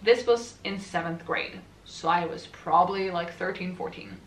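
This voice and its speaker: A talkative Swedish woman in her twenties, a book vlogger, rambles in English with a Swedish accent while assembling furniture at home, laughing between thoughts. She speaks at a normal speed in a fairly low voice. She's far from the mic, a little away from the camera, in an echoey room with slight background noise.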